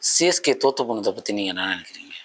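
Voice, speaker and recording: A man's voice: on the low side, expressive, fast, a bit bright. A man doing a prank street interview, teasing his subject with the same questions over and over. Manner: teasing, needling with repeated questions.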